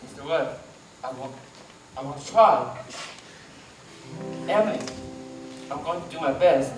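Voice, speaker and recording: A woman plays an earnest young groom on stage, with a very lively rise and fall to the voice. The sound is distant and echoey, with music playing behind. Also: sits low, a little slow. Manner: earnest, pleading. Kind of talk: amateur stage play. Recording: echoey hall, far from the mic, music behind.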